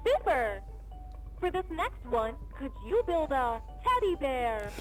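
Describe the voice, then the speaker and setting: A friendly little girl jellyfish from a cartoon kids' game. The voice is extremely high and bouncy, polite and encouraging, with faint music behind it. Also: big pitch swings, slow pace, exaggerated voice. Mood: chirpy, encouraging. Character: friendly little female jellyfish toy maker. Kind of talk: children's game cartoon voice acting.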